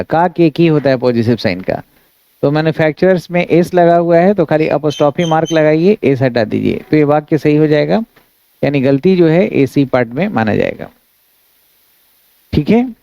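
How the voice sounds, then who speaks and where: Man teaching grammar, dark dry voice. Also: fairly high pitch, smooth, no echo, lo-fi sound. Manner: reads English sentences slowly, explains in Hindi; addresses students as friends, steady instructive delivery. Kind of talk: exam-prep grammar lesson.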